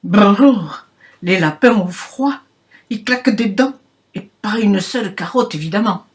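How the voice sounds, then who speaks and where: A woman reading a children's picture book aloud in a playful, expressive way. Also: medium pitch, a little slow. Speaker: reader.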